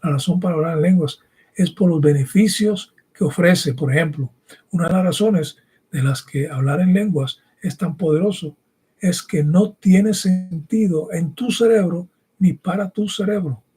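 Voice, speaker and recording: With a warm, high-sitting voice at a normal pace, a man raised on both English and Spanish preaches a teaching sermon with scripture. His delivery is emphatic and didactic, punctuated by frequent short rhetorical questions.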